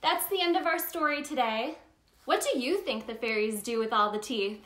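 In a roomy space with an echo, a woman plays a cheerful Tooth Fairy at children's story time, chatting animatedly and sing-song to young listeners. Her voice is on the high side and natural, her pace moderate, and her mood playful and wondering.

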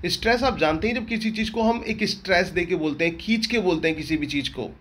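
Man, high voice, Indian English accent, literature lecture, repeats questions, drills students. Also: animated, fairly bright tone. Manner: repeats questions to students and answers them, slowing for English terms. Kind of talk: exam-prep lecture.

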